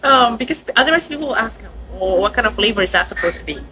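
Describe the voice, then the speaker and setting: A woman from Indonesia, a restaurant owner chatting casually in an interview, lively and quick to laugh. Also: on the high side, poor audio. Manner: lively, laughs often, acts out quoted customers.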